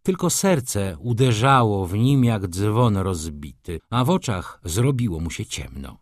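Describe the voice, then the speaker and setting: Expressive male audiobook narrator. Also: lowish voice, unhurried, no echo, studio quality. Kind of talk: scripted literary narration.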